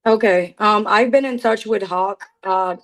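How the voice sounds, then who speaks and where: Woman, tenant, earnest, detailed, courtroom. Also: medium pitch. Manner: earnest, detailed, quick to explain. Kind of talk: explaining her case in court.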